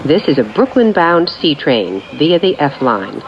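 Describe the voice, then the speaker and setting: These are automated train announcements recorded off a subway car's speakers, with train sounds in the background. The announcer is a woman whose low voice has a lively lilt as she reads formulaic lines in separate, measured pieces. The sound is lo-fi and a little dull.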